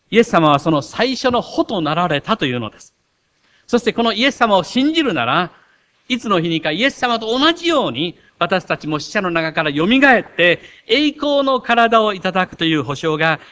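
A man preaching a sermon as pastor, animated, with self-mocking asides. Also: high-pitched. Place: church.

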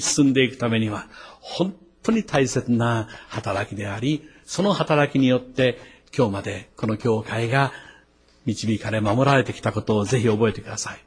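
Husky Japanese pastor preaching emphatically. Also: male voice, medium pitch. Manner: emphatic rises on key words, quick asides. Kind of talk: sermon.

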